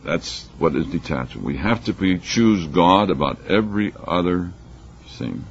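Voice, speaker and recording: A man's voice: low voice, lively intonation, unhurried, slight background noise. A man giving a sermon, explaining scripture and reading passages aloud with rising emphasis. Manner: emphatic, reads scripture aloud with rising force, fillers and restarts. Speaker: preacher. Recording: dull lo-fi recording.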